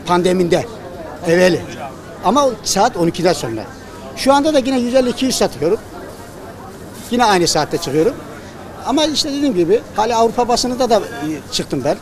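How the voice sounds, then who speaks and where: An older man with a high voice talks into a handheld microphone at an outdoor market. He is halting and repeats himself, informal, with faint crowd and traffic behind him. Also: darkish tone. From Çorum, Turkey. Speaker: street simit vendor, interviewee. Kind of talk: informal on-street interview. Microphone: handheld news microphone.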